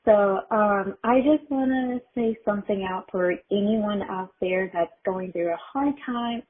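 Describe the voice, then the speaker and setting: Nervous giggly woman leaving a phone voicemail. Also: mid-range voice. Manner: nervous, giggly, lots of ums. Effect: voicemail message over a phone line. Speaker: voicemail caller. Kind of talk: heartfelt encouraging message. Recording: tinny phone-line voicemail.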